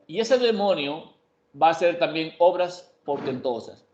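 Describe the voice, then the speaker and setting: A man's voice: fairly high pitch, lively intonation, a little slow, a little mellow, slight background noise. Emphatic preacher man in an echoey room. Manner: emphatic, asks and answers his own questions. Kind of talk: Bible prophecy teaching. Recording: echoey room, dull lo-fi sound.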